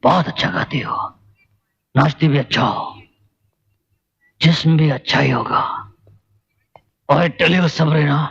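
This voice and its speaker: A gravelly, leering brothel boss. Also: male voice, on the high side, exaggerated voice. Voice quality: gravelly, slow, menacing. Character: leering middle-aged male brothel boss. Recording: muffled film audio with loud music.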